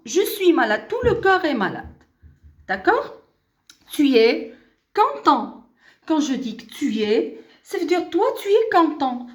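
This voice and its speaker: Female language teacher: high pitch, slow deliberate delivery, drills each word by repetition. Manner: slow, drawn-out, repeats and stresses each word for learners. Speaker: French teacher. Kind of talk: grammar lesson.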